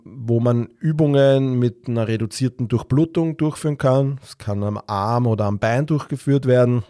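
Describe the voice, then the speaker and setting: A man hosting a solo physiotherapy podcast, talking in halting sentences full of fillers and restarts. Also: on the low side, mellow, dry recording, clean studio sound. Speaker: sports physiotherapist podcast host.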